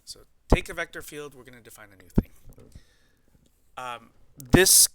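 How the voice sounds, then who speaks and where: A man's voice: fairly high pitch, normal speed, poor audio. A man teaching math at a board, explaining and dictating notation piece by piece as he writes it out. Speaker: math teacher giving a lecture. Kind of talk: board lesson, explaining while writing out notation.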